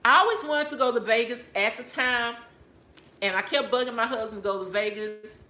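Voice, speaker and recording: A chatty, playful Texan woman talks to her viewers, whom she calls "y'all," in a casual handbag haul video from her living room couch. Her fairly high voice is quick, pushed and bright, and the echoey room is captured in close framing by a camera or phone on a stand.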